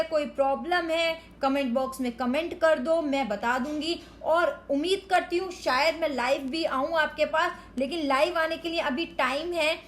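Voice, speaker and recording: A woman teaching a Hindi grammar lesson to children, explaining slowly and carefully word by word and mixing in English words. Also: high voice, a little hiss or hum.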